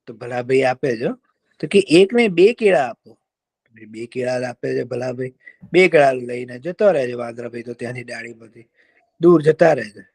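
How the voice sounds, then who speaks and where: Chatty man with a gravelly voice. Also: medium pitch. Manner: folksy and chatty, fillers, lively voices for characters. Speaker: children's storyteller. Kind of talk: telling a folk tale to children.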